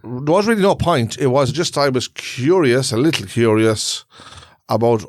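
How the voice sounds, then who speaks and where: A man's voice: mid-range voice, expressive, normal speed, no room sound. Irish traveller guy chatting on a podcast, teasing and challenging, dry sound. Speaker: podcast co-host. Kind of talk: casual podcast banter.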